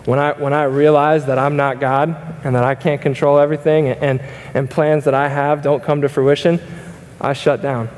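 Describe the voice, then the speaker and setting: A young man preaches from a church stage, earnest and conversational, with lots of fillers and restarts. His voice is on the high side with a flat, darkish tone at normal speed, picked up by a stage mic on a wide camera shot amid the long reverb of a church hall.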